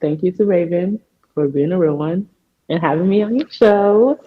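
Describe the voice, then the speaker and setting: A man's voice: high-pitched, normal speed, husky, narrow, tinny audio. An American man chatting as an interview guest in an informal, earnest way, peppered with filler phrases. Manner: informal, earnest, frequent "you know" and "like". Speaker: podcast guest, artist. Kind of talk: casual interview chat.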